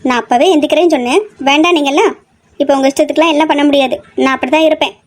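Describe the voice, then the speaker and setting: A woman's voice: high-pitched, steady tone, racing, close to an everyday voice. A young woman voicing a sensitive, stubborn young woman in love in an audio drama, talking in a pouting, emotional way. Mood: tender. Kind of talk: amateur audio drama acting.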